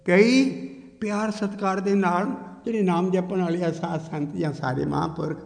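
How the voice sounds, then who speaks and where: A man's voice: sits high, fairly even intonation, normal speed, gravelly, darkish tone, long reverb tail. A man preaching an earnest, emphatic sermon, breaking into chanted hymn lines. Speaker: Sikh preacher. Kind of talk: sermon with sung scripture.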